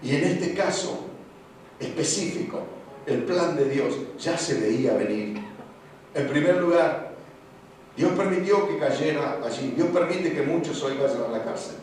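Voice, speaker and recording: A man with an Argentine accent preaching a sermon as pastor, going from hushed passages to loud exclamations. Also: on the high side, animated, measured pace. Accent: Argentine Spanish. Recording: echoey hall from far off, faint noise.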